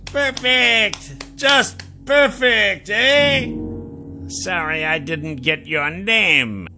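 Man voicing sly captor, high bright mocking tone, storybook villain. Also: expressive, slow pace, soft background music, exaggerated voice. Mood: scheming. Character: sly scheming male captor, the Jackal.

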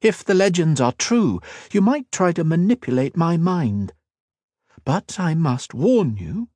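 Male narrator reads a regal, cold queen: raised pitch, stately, commanding. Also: big pitch swings, unhurried, mellow, no echo. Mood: warning. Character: imperious, cold and calculating queen.

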